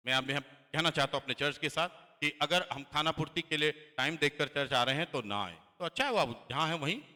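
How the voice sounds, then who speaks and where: Bright-voiced male preacher in an echoey church. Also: fairly high pitch, animated, fairly quick. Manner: emphatic preaching, rising loudly for scripture. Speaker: pastor. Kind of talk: sermon.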